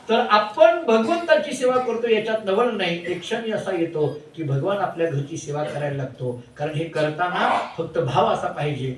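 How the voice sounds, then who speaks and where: A male preacher giving an expressive devotional discourse, quoting verses and acting out story dialogue. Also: sits high. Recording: distant echoey hall mic.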